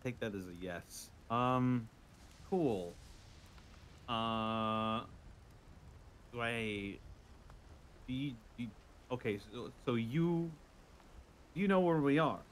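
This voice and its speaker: A man's voice: mid-range voice, slow pace, long pauses. A man chatting casually as a tabletop role-player, wry and sometimes hesitant. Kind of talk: casual game chat. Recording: background noise, room ambience.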